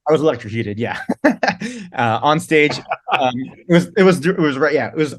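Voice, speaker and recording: A man's voice: mid-range voice, lively intonation, normal speed, slight background noise. A man, a band's singer, telling long rambling tour stories in a casual interview, laughing often and restarting his sentences. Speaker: band singer, guest.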